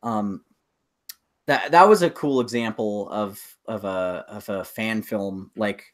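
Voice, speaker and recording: This podcast co-host speaks slowly in a fairly low voice. He's casual and enthusiastic, rambling as he explains things about films and games.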